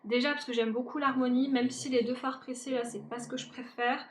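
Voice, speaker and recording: Woman beauty vlogger, fairly high voice, chatty and self-mocking, faint background noise. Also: fairly even intonation, fairly quick. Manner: chatty, self-mocking, talks to viewers directly. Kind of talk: casual makeup declutter chat.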